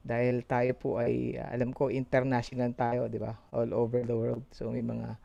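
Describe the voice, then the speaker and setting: A middle-aged Filipino man giving an informal, halting sermon, his speech slightly slurred from a swollen mouth after having a tooth pulled. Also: medium pitch, monotone, gravelly, dark tone, highs cut off. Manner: halting, hesitant. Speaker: church member giving a short sermon. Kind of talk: informal sermon in mixed Tagalog and English.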